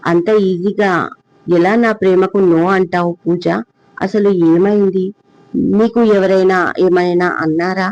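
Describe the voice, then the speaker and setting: A storyteller voicing a lovesick young man pressing his beloved with sharp questions, on a dull, dry recording. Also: sits high, level tone, a little slow, dry recording. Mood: pleading.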